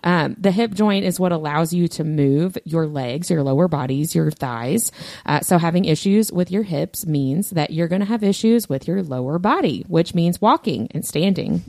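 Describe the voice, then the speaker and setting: A woman's voice: fairly low pitch, animated, normal speed, darkish tone, no echo, clean studio sound. A woman co-hosting a casual podcast, chatty and laughing often as she explains. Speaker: podcast co-host.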